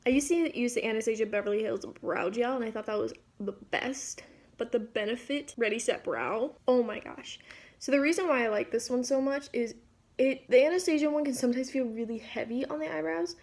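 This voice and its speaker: Female beauty vlogger, higher register, casual rambling makeup-tutorial chat. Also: fairly quick, darkish tone. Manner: informal, rambling, self-interrupting asides.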